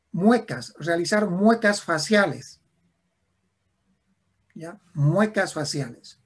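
A man lecturing on neurology to a class, who talks slowly, repeats himself and often checks "¿ya?". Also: sits high, slightly rough. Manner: slow, repetitive, with frequent restarts and checks of "¿ya?".

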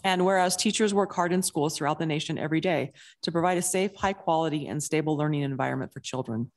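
A woman council member reading a formal proclamation aloud in a steady, measured way in a council chamber. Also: low voice.

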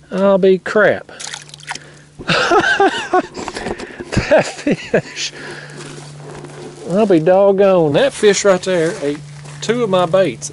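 With a high voice and a Southern American accent, a young man fishes from a riverbank at night and gives folksy, casual commentary to his vlog viewers, whom he calls "y'all," chuckling often. He is recorded on an action camera on the bank, with a little hiss or hum.

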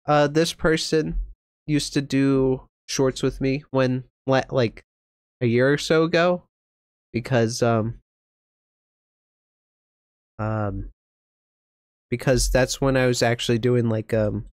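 A man's voice: mid-range voice, steady tone, takes it slowly, pauses often, smooth, dry recording, studio quality. A young man streaming a game, chatting casually, flustered and rambling with lots of ums and restarts. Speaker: gaming streamer. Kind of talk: casual live-stream chat.

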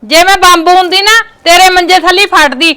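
Nagging village mother, punjabi accent, very high, bright piercing voice. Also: fairly even intonation, normal speed. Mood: scolding. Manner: scolding, nagging. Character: sharp-tongued village mother, quarrelsome. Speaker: mother and sister-in-law.

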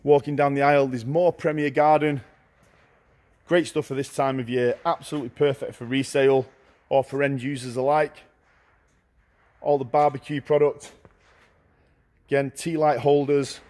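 A middle-aged man walking through a large warehouse, listing auction lots in short, brisk phrases as he goes. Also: mid-range voice, level tone, darkish tone. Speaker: auctioneer giving a viewing tour. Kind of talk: walking tour commentary. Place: large indoor warehouse with shelving.

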